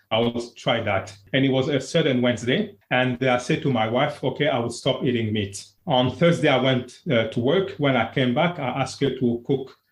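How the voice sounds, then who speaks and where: A man from Congo, a wellness coach, telling his own story as an interview guest in an earnest, plain-spoken way with halting restarts. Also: mid-range voice, echoey room.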